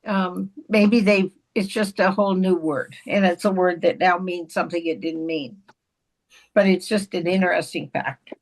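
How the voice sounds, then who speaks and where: A woman's voice: fairly low pitch, fairly even intonation, moderate pace, rough recording. A woman commission member thinking aloud during a meeting discussion, hesitant and searching for words.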